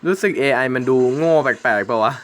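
A man's voice: medium pitch, lively intonation, fast talker, a bit bright, a little hiss or hum. A young man hosting his gaming channel, chatting casually through gameplay and swearing and exclaiming at the game.

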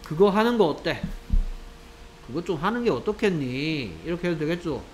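Slightly high and full of big pitch swings, this man's voice leads a grammar class where every phrase is repeated in English, then Korean. He often pauses to check understanding with short questions. There's slight background noise and the recording is low quality.

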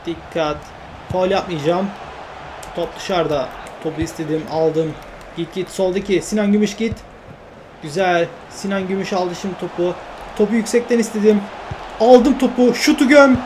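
A man commenting on his own football video game career, getting worked up and yelling at his teammates when plays go wrong. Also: sits high, moderate pace, noisy background. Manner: excitable, shouts at his teammates, groans when things go wrong. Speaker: gaming YouTuber.

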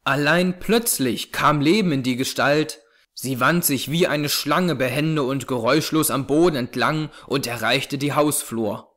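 A man reading a classic novel aloud as narrator, with measured, suspenseful storytelling. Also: mid-range voice, fairly bright tone.

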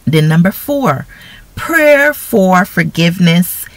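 A woman's voice: lowish voice, very animated, takes it slowly, no echo, poor audio. A woman giving an informal devotional talk on prayer, speaking conversationally and often checking in with listeners by asking "right?". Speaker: faith speaker.

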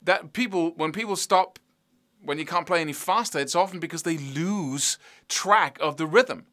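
A man's voice: on the high side, moderate pace, a bit bright. A middle-aged man giving a casual spoken guitar lesson, looping back and restarting his sentences and scatting rhythms as "da da da.". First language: Danish. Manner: loose, repeats words and restarts, scats rhythms as "da da da". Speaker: guitar teacher.

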